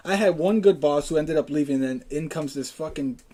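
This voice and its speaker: A man's voice: a little high, a little fast, mellow. A man co-hosting a casual podcast, blunt and swearing freely.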